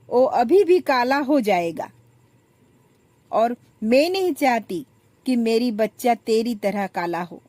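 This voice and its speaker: A woman's voice: high-pitched, no room sound, voice pushed up. A woman voicing a spiteful, pregnant elder daughter-in-law who screeches insults in a storybook tale.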